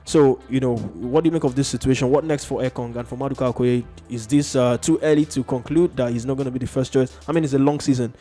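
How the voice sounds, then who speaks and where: A man's voice: medium pitch, fairly even intonation, fast, hardly any pauses, dark tone, soft background music. A man hosting a casual sports chat, hesitant and full of fillers. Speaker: sports show host.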